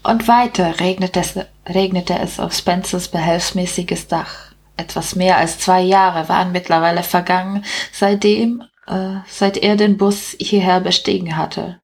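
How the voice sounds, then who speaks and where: A woman reading a novel aloud in a steady, measured storytelling voice. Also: fairly low pitch. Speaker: audiobook reader.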